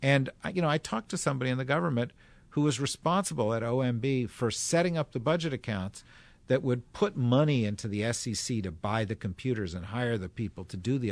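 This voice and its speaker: A male author being interviewed on a radio talk show, talking forcefully and building to emphatic points. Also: medium pitch, vocal fry, no room sound. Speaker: guest author.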